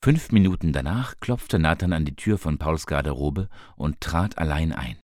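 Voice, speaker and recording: A man reading a story aloud in a calm, scripted narration, raising his voice for the characters' quoted lines. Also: dry recording, clean studio sound. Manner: calm, slow, lifts pitch for quoted characters.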